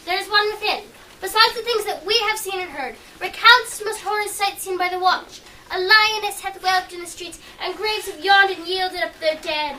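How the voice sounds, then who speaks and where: A woman's voice: very high-pitched, moderate pace, sharp tone. A woman playing a fearful Roman wife who pleads in verse, in an amateur stage performance. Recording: distant mic, faint noise.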